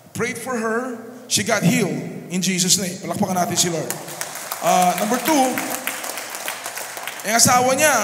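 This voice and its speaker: High-voiced Filipino pastor preaching. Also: male voice, a bit bright, slight background noise. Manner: mixes English into his preaching, calls for amens. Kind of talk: sermon. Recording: echoey hall with faint ambience.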